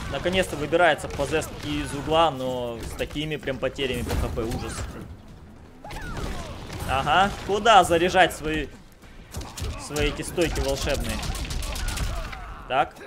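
Young guy doing fighting game announcer commentary, voice a bit high, gamer slang shouts, music playing behind. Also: unhurried, pauses often. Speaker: esports fighting game commentator, stream host. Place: small room at home, streaming.

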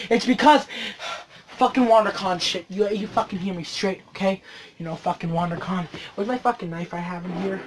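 A woman vlogging in a profane, sarcastic rant that swings between loud outbursts and low mutters. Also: slight background noise. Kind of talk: ranting casual vlog.

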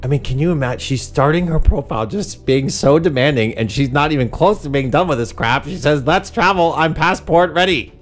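A man's voice: medium pitch, brisk, few pauses, soft background music. A man hosting a commentary show, reading dating profiles aloud in a sarcastic, mocking, blunt way. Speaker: host of a dating commentary channel.

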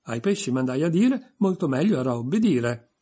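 A man's voice: mid-range voice, sing-song, moderate pace, warm tone, slightly rough. A man reading an audiobook voices a pompous, stern egg creature reciting verse.

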